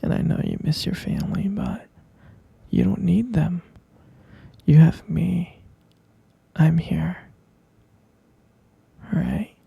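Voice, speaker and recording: A young man voicing an obsessive boyfriend who keeps his lover caged, whispering in a soft, coaxing way. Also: sits high, takes it slowly, pauses often, dry recording, exaggerated voice. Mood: possessive, coaxing. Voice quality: breathy whisper. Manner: soft, coaxing, menacingly sweet. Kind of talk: whispered ASMR roleplay.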